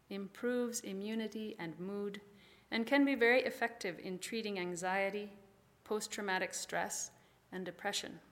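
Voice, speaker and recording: Speaking at a medium pitch, a female pastor leads slow breathing exercises as part of a calm, measured sermon.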